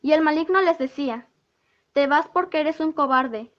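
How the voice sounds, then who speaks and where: A woman with a high voice recounts a spiritual vision as an earnest testimony. She keeps quoting the dialogue word for word. The recording sounds dull and lo-fi. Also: normal speed, a bit bright. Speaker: church member giving a testimony.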